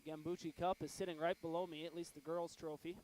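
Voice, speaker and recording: A man with a sore throat announcing live from an arena broadcast booth, talking in a monotone. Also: fairly high pitch, fast talker, rough recording. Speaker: play-by-play announcer.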